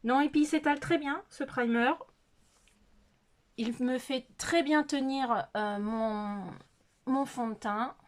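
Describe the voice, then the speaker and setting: Her voice high and her pace slow, a middle-aged beauty vlogger chats through a bedroom makeup tutorial filmed on her phone. She's hesitant, uses many fillers, and keeps laughing at herself.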